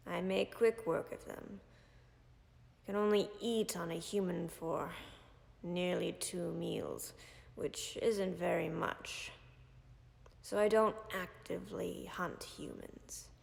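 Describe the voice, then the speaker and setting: In a full character voice, a woman plays a calm, caring female dragon for a listener's audio roleplay. She sounds deeply gravelly and fry-laden, soft and measured, speaking very slowly and often close to a whisper as her words fade into long reverb.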